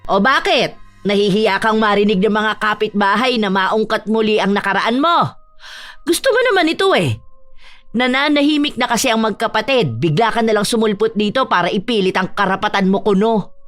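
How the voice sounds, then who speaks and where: A woman playing a blunt, sharp-tongued middle-aged aunt who talks in plain street slang and protects her nieces. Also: mid-range voice, brisk, no echo, soft background music, natural voice. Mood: furious. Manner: street-talking, sharp-tongued, shouts in anger. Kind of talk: Tagalog audio drama acting.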